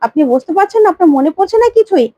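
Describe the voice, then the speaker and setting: A woman's voice: very high-pitched, animated, racing, dark tone, dry recording, muffled recording, pitched above the performer's own voice. A woman voicing a worried family woman who pleads with the others. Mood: pleading.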